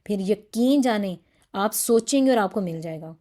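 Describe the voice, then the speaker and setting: A woman with a Pakistani Urdu accent gives a heartfelt religious lesson. Her voice is mellow and warm, at a middle pitch. She urges her listeners earnestly, mixing English words into her Urdu. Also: lively intonation. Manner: earnest, pleading, acts out examples. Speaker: Quran teacher.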